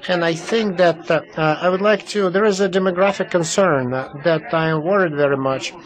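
Halting male conference interpreter. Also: fairly high pitch, poor audio. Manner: halting, many fillers and restarts. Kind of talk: simultaneous interpretation of a panel.

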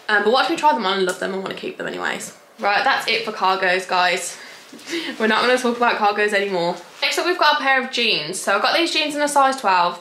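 A woman's voice: medium pitch, pushed and bright. Bubbly woman in an echoey room. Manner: bubbly and gushing, casual slang. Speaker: fashion vlogger. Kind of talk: try-on haul vlog. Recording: echoey room, faint hiss.

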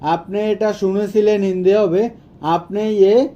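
A man, teaching a language lesson and repeating each phrase slowly and clearly. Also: sits high, fairly even intonation, warm tone, muffled recording. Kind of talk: Hindi lesson for Bengali speakers.

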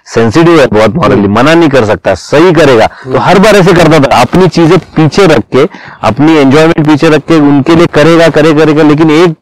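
A man with an Indian accent telling stories in a relaxed, conversational way during a homeopathy discussion. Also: on the high side, normal speed, no room sound, poor audio. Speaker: homeopathy teacher. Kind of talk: casual discussion.

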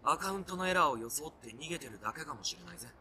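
A man voicing a brash young male hacker in a video game, speaking in a rough, casual and cocky way. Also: a little high, animated, rapid-fire, pushed and bright. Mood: casual, wry. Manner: rough, informal, cocky speech.

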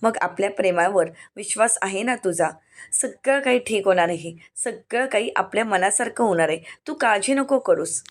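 A scheming young woman with a honeyed, coaxing voice, read by a woman narrator. She pleads and wheedles, in a medium pitch, like a dramatized storybook recap. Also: normal speed, close to an everyday voice. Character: scheming young woman, sweet-talking liar.

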